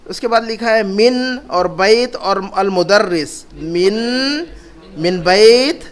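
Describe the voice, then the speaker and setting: A male Arabic teacher gives a classroom grammar lesson, his voice sitting fairly high. He is patient and drills every phrase twice, slowly, and keeps asking the class what things mean. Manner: patient, repeats each phrase slowly, asks questions.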